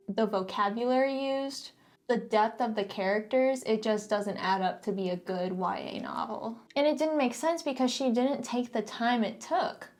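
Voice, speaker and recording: A woman co-hosting a casual book discussion, giving opinionated critique with a sarcastic edge. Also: fairly high pitch. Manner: critical, sarcastic mock-quoting.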